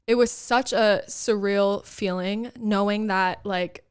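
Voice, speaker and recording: A woman's voice: mid-range voice, slow pace, smooth. A young woman co-hosting a podcast in casual chat, telling stories animatedly with lots of fillers. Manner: animated, emotional storytelling with many fillers. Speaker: podcast co-host.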